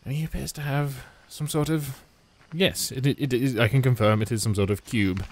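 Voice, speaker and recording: Game music plays beneath this man's steady, mid-range voice as he hosts a let's play. Speaking at a moderate pace, he offers sarcastic, chatty remarks that mock and wryly comment on the game he's playing.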